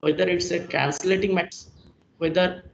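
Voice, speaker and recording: A man's voice: high-pitched, steady tone, moderate pace, gravelly. A man giving a technical presentation on a video call, explaining each point step by step and summing up, heard through a screen recording. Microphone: computer mic on a video call. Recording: echoey, dull video-call audio with faint hiss.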